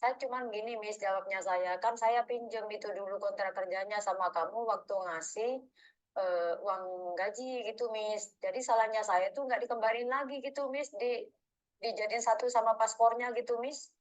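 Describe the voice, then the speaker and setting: Brief: woman caller, medium pitch, apologetic and rambling, keeps saying "Miss". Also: steady tone, moderate pace, poor audio. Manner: deferential, rambling, ends phrases with "Miss". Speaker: caller, domestic worker abroad. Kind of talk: phone call asking for advice.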